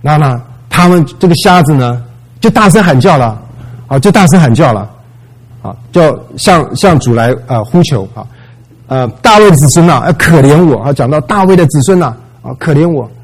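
A man's voice: a little high, animated, moderate pace, poor audio. Conversational man preaching a sermon. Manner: conversational, mixes English words, acts out voices in retellings.

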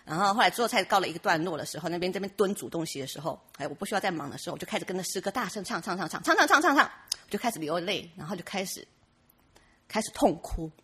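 A woman tells her church testimony in a chatty, rambling way, often restarting and laughing. She talks quickly, and her voice is husky. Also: lowish voice. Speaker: church member giving a testimony. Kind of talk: personal testimony.

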